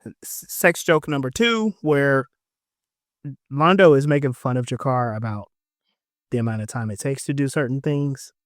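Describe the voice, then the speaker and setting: A man's voice: medium pitch, normal speed, no echo. Man with a dry, close sound retelling an episode, joking. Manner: joking, slangy retelling with asides to listeners. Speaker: podcast host. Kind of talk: casual episode recap.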